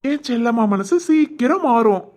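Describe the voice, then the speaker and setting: Speaking with a southern Tamil Nadu accent, a woman voices an eager young man in love in an animated story about a village family. Her slightly high voice moves at normal speed, lightly acted, affectionate and full of chuckles.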